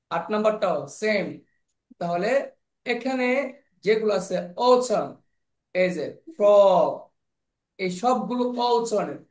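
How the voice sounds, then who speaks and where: A man teaching English pronunciation in an online class, slowly repeating sounds and words over and over. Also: high-pitched. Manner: slow, repeats sounds and words many times. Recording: echoey room.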